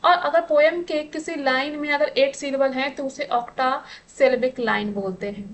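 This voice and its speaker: A woman teaches an exam-prep lesson. Her voice sits high, and she takes her time, working through each point patiently and answering her own rhetorical questions. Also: fairly even intonation, a little slow.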